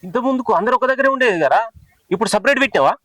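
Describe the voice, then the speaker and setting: A man's voice: very high-pitched, expressive, very fast, fairly bright tone, no echo. A man playing a teasing friend in a village comedy. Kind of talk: scripted village comedy acting.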